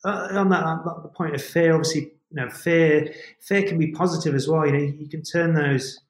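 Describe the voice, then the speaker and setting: A man from northern England, a podcast guest telling stories in an animated, self-deprecating way and laughing often. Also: on the high side, brisk. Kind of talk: casual podcast interview. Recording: roomy echo.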